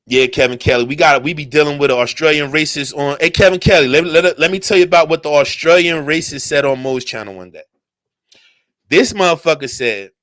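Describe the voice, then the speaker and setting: A man hosting a solo talk radio show, ranting in a profane, animated way and firing off rhetorical questions. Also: a little high.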